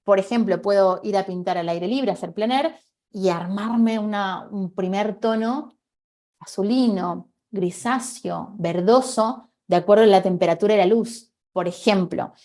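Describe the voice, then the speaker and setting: A woman's voice: medium pitch, unhurried, dark tone. A woman with a Rioplatense Spanish accent teaching a live online painting class, explaining step by step and checking in with her students. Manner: explanatory, thinking aloud with tag questions.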